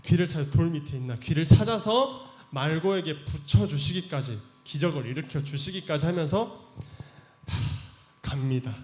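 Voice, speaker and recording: A man, a youth pastor, telling a Bible story to teenagers in a chatty, animated way and acting out the characters. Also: on the high side, moderate pace. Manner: animated retelling that acts out the characters' voices, chatty. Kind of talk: storytelling sermon for teens. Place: church. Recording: echoey church room.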